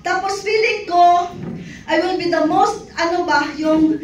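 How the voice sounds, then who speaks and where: A woman's voice: very high voice, unhurried. A middle-aged woman giving a personal testimony to an audience, telling her story with laughter and acted quotes. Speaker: testimony speaker. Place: event hall. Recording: echoey hall from far off, audience faintly behind.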